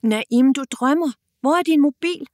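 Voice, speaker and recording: A woman's voice: high-pitched, lively intonation, no room sound, clean studio sound, voice pushed up. Woman doing a bossy, scolding older sister. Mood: exasperated. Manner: scolding, exasperated.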